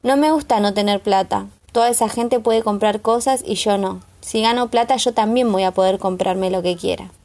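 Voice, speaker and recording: Woman voicing teenage girl, soft-spoken, blunt, Rioplatense Spanish accent, audiobook. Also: medium pitch, normal speed, few pauses, close to an everyday voice. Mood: resentful. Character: quiet teenage girl from a poor family.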